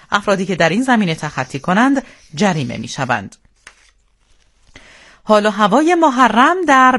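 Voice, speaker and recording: A man's voice: on the high side, a bit bright. A man with an Iranian accent reads a scripted radio news bulletin in a solemn, formal newsreader manner. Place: radio studio.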